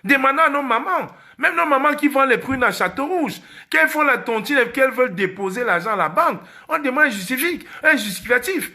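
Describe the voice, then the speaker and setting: Emphatic Cameroonian man, gravelly and bright. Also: extremely high pitch, animated, fairly quick, few pauses. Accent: Cameroonian French. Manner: emphatic, repeats key phrases. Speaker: live-stream host. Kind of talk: casual live-stream talk.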